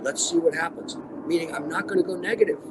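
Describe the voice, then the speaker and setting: Short, emphatic, punchy lines drive the motivational stories of this interview guest, an extreme athlete in his sixties. He talks fast in a voice on the high side, with background noise audible.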